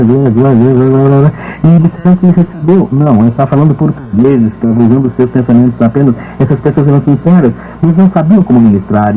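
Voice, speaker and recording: A man preacher explains a ministry practice in a calm, steady teaching voice of middle pitch. The sound is narrow and tinny, like a phone line. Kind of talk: dubbed teaching talk.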